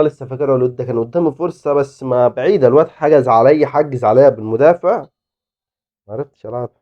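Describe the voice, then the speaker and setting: A man with an Egyptian Arabic accent, giving excitable live commentary on his own football game as a gaming YouTuber. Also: medium pitch, muffled recording. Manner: excitable, exclaiming and pleading at the game.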